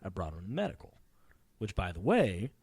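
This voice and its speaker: In an improvised comedy audio drama, a man plays a sweaty, excitable young sailor who rambles breathlessly through a story. His voice sits low and husky, runs a little fast, and is heavily acted, captured in a dry recording.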